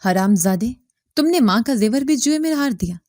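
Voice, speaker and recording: A woman's voice: mid-range voice, dark tone, no room sound, clean studio sound, lightly acted. A woman voicing an angry, stern middle-aged father in a spoken story, reading his lines in a harsh, scolding manner. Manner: scolding, bitter.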